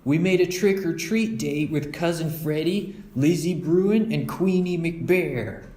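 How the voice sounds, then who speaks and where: A man voicing an excitable, bossy young boy bear cub in a children's storybook, eager and sure of himself. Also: fairly high pitch, a little slow, echoey room, voice pushed up, lightly acted. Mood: eager, planning.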